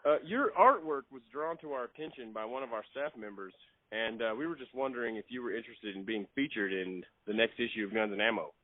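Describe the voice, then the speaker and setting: A man making a phone call, polite and halting, often repeating his words. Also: mid-range voice, no echo. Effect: heard over a phone line. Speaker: prank caller. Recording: thin, dry phone line.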